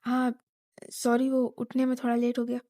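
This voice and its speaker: Woman reading a polite young woman, high voice, mellow tone, dry sound. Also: completely flat delivery, moderate pace, no echo, close to an everyday voice. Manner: polite, apologetic.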